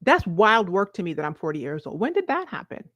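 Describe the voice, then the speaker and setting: Her voice is on the low side, sing-song and brisk with a bit of brightness, and there's no room sound. This forties-aged self-help coach with a Virgin Islands accent motivates viewers emphatically and conversationally, frequently pausing for quick questions.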